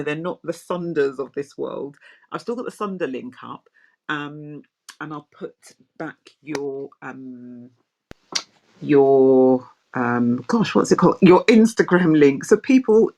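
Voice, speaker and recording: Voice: medium pitch, poor audio. A host thanking the guest and asking a question, stopping to search for words with many "um"s. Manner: warm thanks, halting with fillers while searching for words. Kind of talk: interviewer chat.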